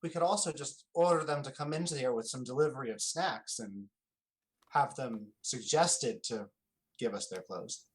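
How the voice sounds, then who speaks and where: A woman's voice: rumbling low, moderate pace, poor audio. A woman playing a tabletop game, suggesting ideas to the group. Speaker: player. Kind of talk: tabletop role-play chat.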